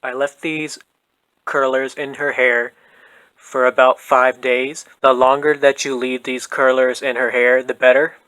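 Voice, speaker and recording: Man, tutorial voice-over, very even monotone delivery, dry close sound. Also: mid-range voice, unhurried, smooth, no room sound, low-quality recording. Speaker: doll hair tutorial host. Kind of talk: calm instructional voice-over.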